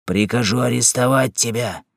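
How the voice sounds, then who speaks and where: A man's voice: mid-range voice, normal speed, vocal fry, no room sound, studio quality. A man voicing a coarse, drunken male cobbler-jailer who bullies and snarls in an audiobook. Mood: surly. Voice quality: growling, coarse. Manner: bullying, shouting. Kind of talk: audiobook character reading.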